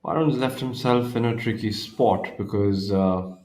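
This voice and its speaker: A man working as a golf commentator, calling tournament play live in a measured manner with pauses. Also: fairly low pitch, a little mellow. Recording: roomy, echoing sound.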